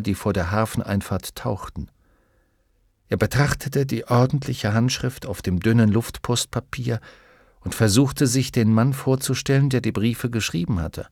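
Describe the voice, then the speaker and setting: A man narrates a novel with measured, expressive storytelling in a mid-pitched voice. The recording is dry and close, with no room sound. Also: no room sound. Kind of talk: audiobook narration.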